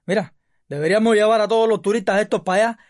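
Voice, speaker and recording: A man's voice: high voice, rapid-fire, no room sound, clean studio sound, close to an everyday voice. A man voicing a cheeky, scheming boyfriend with a Cuban accent, coaxing and full of endearments.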